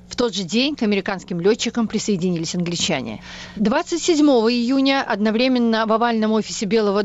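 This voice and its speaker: A woman hosting a radio program, reading a scripted documentary narration in a measured, even way. The sound is a slightly muffled radio broadcast. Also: a little high.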